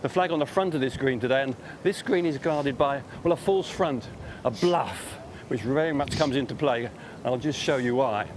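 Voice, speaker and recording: A man's voice: mid-range voice, moderate pace, hardly any pauses. A man reporting from the golf course, explaining a hole in a folksy, chatty way. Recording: outdoor broadcast with steady background noise.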